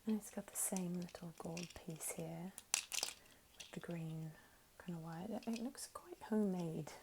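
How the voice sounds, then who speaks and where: A woman speaking softly in a casual ASMR style, describing objects in a hushed voice that often slips toward a whisper. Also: fairly low pitch, measured pace, vocal fry. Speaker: ASMR video creator. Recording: very noisy close recording with crinkling and clicks. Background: tapping, clicking, crinkling and rattling of handled objects.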